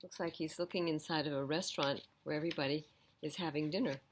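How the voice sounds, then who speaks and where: Deep-voiced and steady, a woman reads a picture book quickly to children at a library storytime. She talks about the pictures and tosses in gentle asides for the little ones, and a faint hiss or hum sits under the audio.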